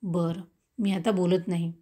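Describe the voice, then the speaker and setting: A woman's voice: fairly low pitch, little pitch movement, unhurried, warm tone. A woman voicing a stern, loving village mother who firmly scolds her son in a read-aloud story.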